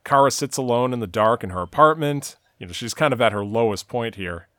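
A man in casual chat, walking through the plot of a TV episode at length. He fills his pauses with "uh" and "you know." His voice is close and dry, with no room sound around it. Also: mid-range voice, animated, a bit bright, dry recording. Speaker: podcast co-host recapping a TV episode.

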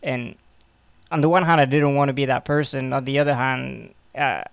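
A man in his twenties from Belgium, a podcast guest telling his story in a halting way, repeating words and filling pauses. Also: medium pitch, steady tone, gravelly, smooth, no room sound. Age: 20s. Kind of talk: casual interview.

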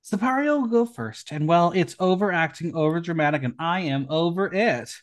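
A podcast host recaps a TV episode at a normal speed, his voice animated. He's campy and sarcastic, with his pitch jumping suddenly.

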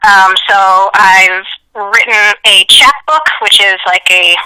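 A woman talking casually as an interview guest, telling stories in an animated way. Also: medium pitch, slow, clean tone, poor audio. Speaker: podcast guest, ring announcer and commentator.

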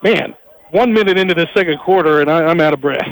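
A man calling college basketball on a headset mic, his voice set high and bright. He rattles through passes and dribbles at speed and jumps higher when a shot drops. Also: gravelly, poor audio. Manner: rapid energetic calls, rising on big plays. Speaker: play-by-play announcer. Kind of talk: live basketball play-by-play.

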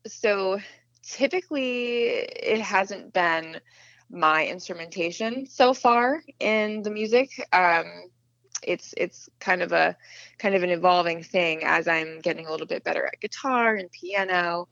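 A woman's voice: on the low side, measured pace, fairly bright tone, no room sound. A singer-songwriter from Western Maryland, a woman, speaking over the phone in an interview, thinking aloud in a hesitant way. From Western Maryland, USA. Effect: phone line. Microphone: telephone. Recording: dull lo-fi phone line.

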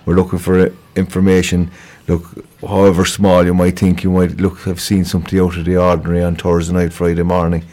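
A man with a Kerry accent speaks in a low, fairly even voice. He sounds like a police sergeant on local radio, giving an informal appeal in a halting, conversational way and doubling back on words. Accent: Kerry, Ireland. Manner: hesitant, repeats words, conversational. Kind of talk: informal crime report interview on local radio.

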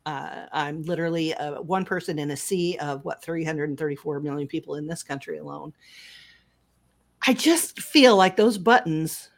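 A woman's voice: low voice, normal speed, gravelly. A woman chatting casually and giving her opinions, reflectively weighing both sides of her own argument.

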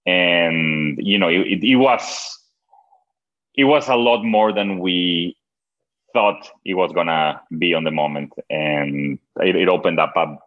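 Answering interview questions in a deep voice, a male film director from Venezuela speaks with a Venezuelan accent, Spanish being his first language. He stops and restarts often and laughs a lot, captured in dull, lo-fi audio.

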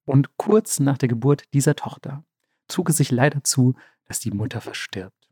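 A man co-hosting a podcast, retelling a fairy tale in a relaxed, slangy way with many fillers. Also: medium pitch, moderate pace, slightly rough, no echo, studio quality. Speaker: podcast co-host. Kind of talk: casual storytelling chat.

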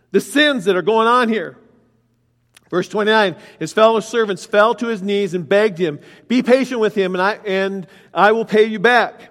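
Guy preaching in a church, kinda high voice, long echo off the hall, walks thru the verses and asks the crowd stuff. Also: fairly bright tone. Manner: explains scripture verse by verse, asks the congregation direct questions. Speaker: pastor. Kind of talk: sermon.

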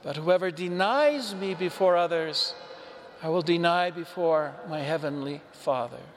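A high-voiced man, a priest, reads the gospel aloud in an unhurried, solemn cadence. His words ring out with a long cathedral echo, as if he stands at the front of a large church. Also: faint music behind. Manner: slow, measured proclamation. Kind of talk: solemn liturgical gospel reading. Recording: long church hall reverb.

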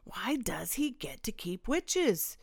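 A woman's voice: medium pitch, sing-song, slow, vocal fry, husky, no room sound, clean studio sound, pitched above the performer's own voice, full character voice. A woman voicing a drunk, bitter small-town mayor who rants with disgust and repeats himself. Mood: bitter ranting.

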